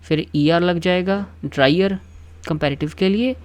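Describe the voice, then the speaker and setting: A patient teacher, explaining grammar at a mid-range pitch. The teacher recites word lists in a steady rhythm and pauses often to check that the listener is following. The recording is dry, with no room sound. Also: dry recording. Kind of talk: grammar lesson.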